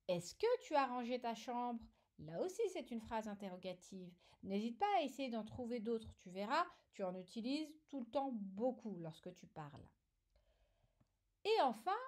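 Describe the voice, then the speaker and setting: Slow, lively-voiced woman teacher. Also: a little high. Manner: patient, addresses the child directly, stresses key words. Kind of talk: explanatory lesson for young children.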